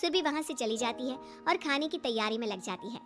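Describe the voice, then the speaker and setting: Very high bright storybook narrator. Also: female voice, lively intonation, fairly quick, soft background music. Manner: plain storybook telling.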